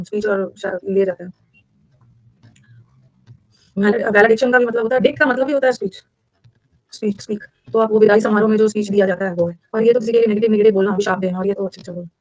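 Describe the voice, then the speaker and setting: A woman's voice: on the high side, no room sound, dull audio. A woman with an Indian accent teaching a vocabulary lesson, chatty, repeating key words and putting questions to her students. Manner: repeats key words, mixes English into Hindi; chatty, asks the class questions. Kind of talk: online exam-prep vocabulary lesson.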